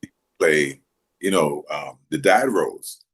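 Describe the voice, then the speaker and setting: A middle-aged man from Jamaica, raised in Maryland, chatting in an interview in a relaxed, rambling way with many fillers. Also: extremely low pitch, moderate pace. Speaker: actor guest. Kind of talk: casual interview chat.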